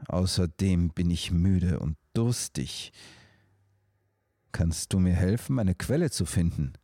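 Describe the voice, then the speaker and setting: A man's voice: low voice, takes it slowly, mellow, no echo, clean studio sound, heavily acted. A man voicing a lost, tired and thirsty emperor in a storybook, pleading wearily. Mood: weary. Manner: weary and pleading.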